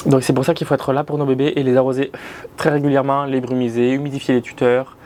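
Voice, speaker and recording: A man's voice: medium pitch, flat delivery, quick pace, a little mellow, a little hiss or hum. A young man chatting casually indoors at home about his houseplants, swearing and grumbling, hot and sweaty. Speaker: plant vlogger. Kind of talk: casual chat.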